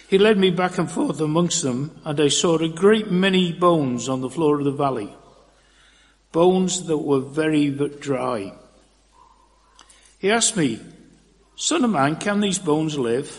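Slow scripture-reading man at a pulpit microphone. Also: on the high side. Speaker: scripture reader. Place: church. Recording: long church reverb.

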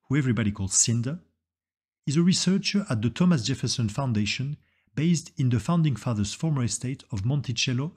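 Husky-voiced man narrating a story. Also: medium pitch, darkish tone. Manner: dramatic storytelling, building suspense. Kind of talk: scripted narration.

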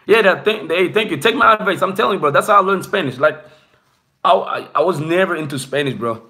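A young non-native English speaker rambles casually to viewers on a live stream, broadcasting from a small room. He sounds high-pitched, expressive, bright, and forceful, talking a little fast, and keeps sprinkling in "bro" and "you know what I'm saying."

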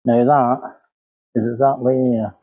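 Taking his time, a paranormal investigator with a mid-range, level, breathy voice retraces his path aloud through woodland in a casual vlog. The lapel mic recording is dry and sounds phone-quality.

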